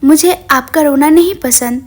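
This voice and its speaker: A firm, measured young father with a stern but caring edge, as a woman storyteller puts him on. The voice sits high for the part and comes in steady, even sentences. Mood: calming.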